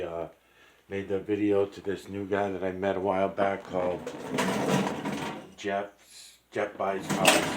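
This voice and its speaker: In a roomy, echoing space, a man with a low, somewhat dark voice rambles loosely to the camera as a vlogger. His monologue meanders, halting and restarting frequently, peppered with fillers and blunt swearing.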